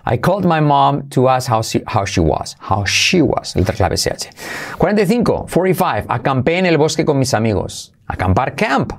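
A man teaching English pronunciation. He explains quickly, then repeats the example phrases slowly and carefully. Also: medium pitch, very animated, creaky. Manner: switches between quick explanation and drawn-out demonstration. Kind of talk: pronunciation lesson.

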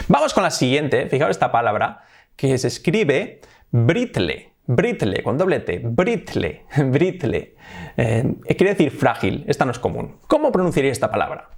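A man from Spain with a Spanish accent, teaching English pronunciation in a casual lesson, repeating words slowly and chuckling now and then. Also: mid-range voice. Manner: lively, repeats words with drawn-out emphasis, chuckles.

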